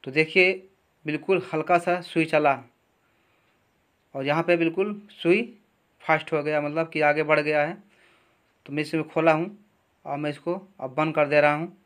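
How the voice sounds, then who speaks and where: A man teaching electronics repair, explaining each wiring step slowly and with a lot of repetition at his workbench. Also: a little high, little pitch movement, a bit bright, clear, resonant tone. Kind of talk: hands-on repair tutorial.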